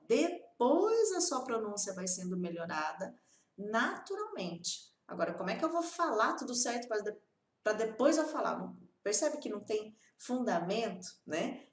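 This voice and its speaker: A woman teaching in a lively, emphatic way, often checking in with her students with short tag questions. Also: medium pitch, reverberant, recorded from a distance. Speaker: English teacher. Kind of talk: teaching video, direct address.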